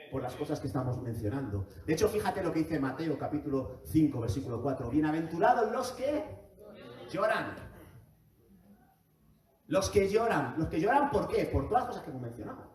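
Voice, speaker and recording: A man's voice: mid-range voice, sing-song, fast talker, dark tone. A man preaching a sermon, passionate and full of rhetorical questions, often repeating words as he searches for them. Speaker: pastor. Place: church hall. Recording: echoey church from far off.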